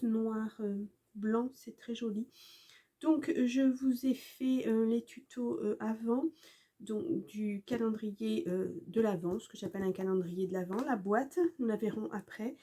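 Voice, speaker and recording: A scrapbooking crafter chats casually through a show-and-tell of her work, sounding hesitant and apologetic and using lots of fillers. She has a head cold, so her somewhat high voice comes out husky, congested, and darkish.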